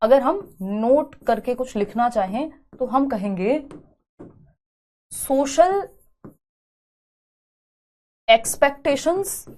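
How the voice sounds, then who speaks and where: A woman's voice: sits high, lively intonation, drawn-out words, long pauses, mellow. A woman teacher giving an exam-prep lecture. She explains through rhetorical questions and frequent tag questions, mixing English terms into her talk and dictating notes.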